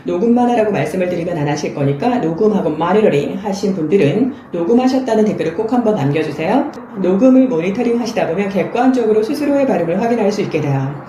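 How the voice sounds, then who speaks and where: Woman, pronunciation teacher, friendly explaining, mellow voice, roomy echo. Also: mid-range voice, animated, quick pace, few pauses. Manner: friendly explaining, addresses viewers directly. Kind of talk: scripted lesson to camera. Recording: echoey room with faint background noise.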